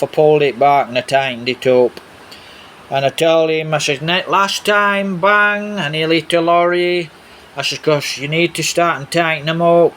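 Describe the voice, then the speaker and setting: A man giving a casual, rambling, repetitive vlog narration over video footage. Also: medium pitch. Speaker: vlogger. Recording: steady background noise, rain on roof. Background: rain on a roof.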